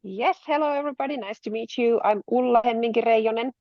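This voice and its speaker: Woman director, brisk introduction; low gravelly voice; muffled, dry call audio. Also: no room sound. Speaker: MOOC center director. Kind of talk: self-introduction on a video call. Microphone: video call.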